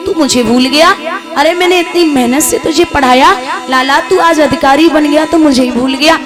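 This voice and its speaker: A woman's voice: sits high, moderate pace, close to an everyday voice. Woman voicing a pleading poor old mother. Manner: pleading and hurt. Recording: music playing behind.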